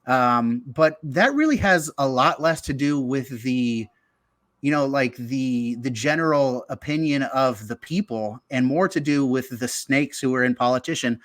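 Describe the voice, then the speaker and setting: A man's voice: mid-range voice, lively intonation, unhurried, fairly bright tone, no room sound, clean studio sound. A man in his late thirties in a casual podcast chat, loose and rambling, full of fillers. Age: 30s.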